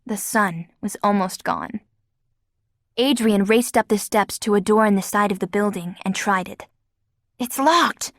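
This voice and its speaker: A woman reading a children's fantasy novel aloud as the narrator, in a lively way and voicing each character. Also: medium pitch, moderate pace, dry recording, studio quality. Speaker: audiobook narrator. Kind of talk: scripted narration.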